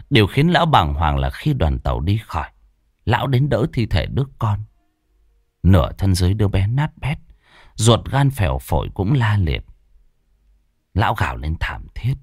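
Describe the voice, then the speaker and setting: A man narrating a horror story in a dramatic, expressive way. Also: on the low side, no echo, clean studio sound.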